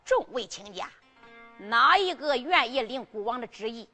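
Brief: wily emperor sweet-talking his sworn brother, voiced by a woman storyteller; high, bright delivery. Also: lively intonation, normal speed, in a large hall, faint music behind. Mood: persuasive, insistent. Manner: coaxing, persuasive, pleading. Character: scheming, coaxing male emperor, older sworn brother.

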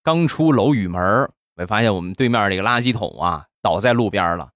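A man's voice: fairly low pitch, fairly quick, dry recording, clean studio sound. A man hosting a comedy show and telling short joke stories in a conversational way. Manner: animated, conversational. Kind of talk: storytelling jokes.

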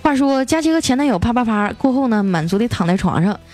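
This comedy podcaster talks fast in a fairly high, animated voice with a darkish tone, faint music playing behind her. She teases, pokes fun at herself, and laughs a lot while reading listener jokes and voicing the quoted characters.

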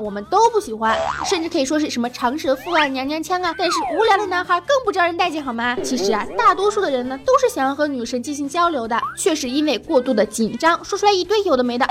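A woman hosting a podcast, delivering a snarky, teasing comedic monologue. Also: very high-pitched. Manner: snarky, teasing, mock-exasperated. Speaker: podcast host. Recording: music bed underneath.

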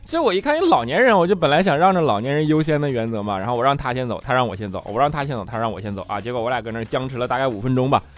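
A man's voice: medium pitch, animated, racing, hardly any pauses. A man doing a stand-up comedy monologue, telling chatty stories and often checking in with the audience. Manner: chatty storytelling, keeps asking the audience "right?". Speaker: comedian host.

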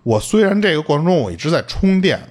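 A man tells a listener's creepy story at a quick clip. His voice swings widely up and down as he acts out the quoted lines. The tone is a little husky. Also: on the high side. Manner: animated, swearing, acts out quoted speech. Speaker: podcast host retelling a listener's story. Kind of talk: casual storytelling chat.

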